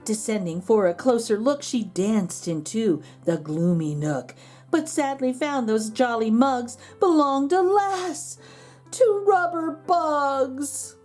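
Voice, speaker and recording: A woman narrates a picture book for children in a high, soft-toned mellow voice. She reads at a slow, measured pace with expressive, rhythmic phrasing. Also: faint music behind. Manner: measured rhyming delivery with gentle asides to children. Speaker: children's read-aloud storyteller.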